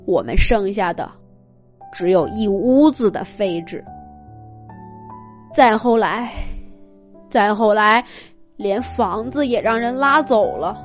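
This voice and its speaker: A woman's voice: medium pitch, slow, pauses often, soft background music, lightly acted. A woman voicing a father mouse who talks himself into a risky plan in a children's story. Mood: choked up. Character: anxious, scheming father mouse.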